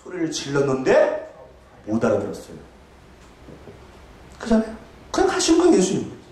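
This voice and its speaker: A male pastor preaching a sermon, shouting out dramatic reenactments and urging the congregation to join in. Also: fairly high pitch, wildly swooping pitch, moderate pace, heavy reverb, recorded from a distance, background noise.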